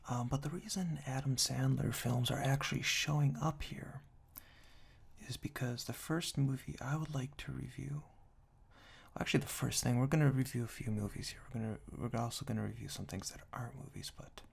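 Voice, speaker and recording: Man whispering ear to ear, creaky ASMR. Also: brisk. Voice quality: hushed, breathy whisper mixed with soft low murmur. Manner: dry, tongue-in-cheek deadpan. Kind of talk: ASMR whispered reading of product reviews with casual commentary. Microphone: binaural microphone, very close to the ears. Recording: close binaural ear-to-ear mic, faint noise.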